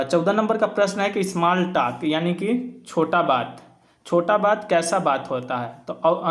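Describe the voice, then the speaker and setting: A man with a slightly raised voice talks through exam questions one by one. He explains patiently, weighing each option in a relaxed teaching tone. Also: a little high. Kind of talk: informal exam answer walkthrough.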